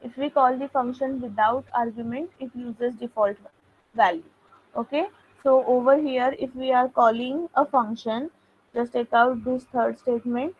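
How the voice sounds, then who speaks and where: A woman's voice: a little high, steady tone, lo-fi sound, slight background noise. A woman teaching a programming lesson over a video call, explaining step by step and often saying okay. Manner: explanatory, fills pauses with okay. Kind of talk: online programming lecture.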